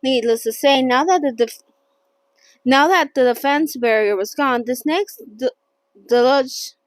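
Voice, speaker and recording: At a measured pace, a woman with a high-pitched voice hosts a playful, chatty read-along of a novel, regularly stumbling over lines and correcting herself. The recording has no echo.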